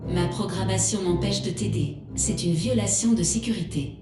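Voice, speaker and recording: Calm female ship AI, even mid-pitched voice, formal replies; echoey space, heavy score behind. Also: normal speed, music in the background. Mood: firm refusal. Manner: even, formal, polite refusals. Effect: calm ship computer voice. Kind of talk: film drama dialogue. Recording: echoey, under loud film score.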